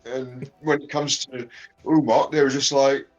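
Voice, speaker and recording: A man's voice: mid-range voice, little pitch movement, unhurried, faint music behind. Hesitant man with a dull, lo-fi sound. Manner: hesitant, many ums and restarts. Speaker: guest. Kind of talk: casual chat.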